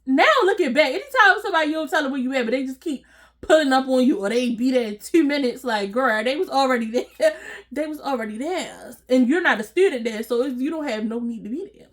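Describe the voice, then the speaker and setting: High-voiced, animated woman telling a story. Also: fast talker. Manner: animated, laughing often, slangy. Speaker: vlogger. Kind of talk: casual storytime chat.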